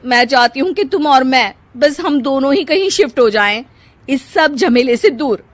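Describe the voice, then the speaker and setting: A woman voicing a spiteful young sister-in-law who talks in a loud, whining, bossy way, for a cartoon. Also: high-pitched, lively intonation, moderate pace, dry recording, voice pushed up.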